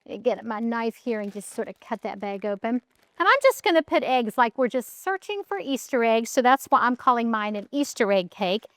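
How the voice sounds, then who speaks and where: Woman doing a cooking demo at home, smooth clear voice, chatty, thinks out loud, dry close sound. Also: fairly high pitch, very animated, a little fast, dry recording. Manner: chatty, thinks aloud while working. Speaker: cooking show host. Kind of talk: casual cooking demonstration.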